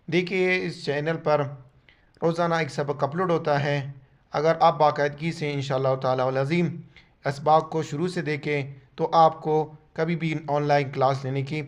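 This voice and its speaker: A man teaching a step-by-step Quran reading lesson, explaining quickly and then spelling out syllables slowly and more loudly. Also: fairly high pitch. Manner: fast explanations between slow, drawn-out, louder spelled-out syllables; speaks to viewers and children as a patient teacher. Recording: dull, muffled lo-fi sound.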